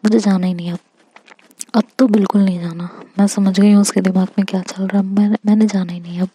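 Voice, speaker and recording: A woman's voice: medium pitch, flat delivery, quick pace, warm tone, a little hiss or hum, lightly acted. Figure: Aksh, a woman voicing a flustered stubborn young man. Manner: stammering, insistent refusals.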